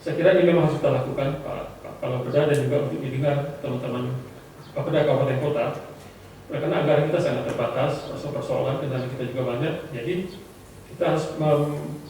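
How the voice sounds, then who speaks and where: Man, official, formal measured speech, distant mic, clear background noise. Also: mid-range voice, steady tone, a little mellow, very echoey. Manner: formal and measured, with some hesitant fillers. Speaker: senior official responding at a forum. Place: meeting room, heard from a distance.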